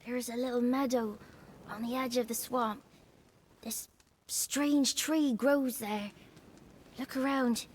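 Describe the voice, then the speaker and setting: A woman voicing a small orphaned village child in a video game, defiant yet frightened, with a British accent and halting rustic speech. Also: a little high, steady tone, a little hiss or hum. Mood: worried, shy.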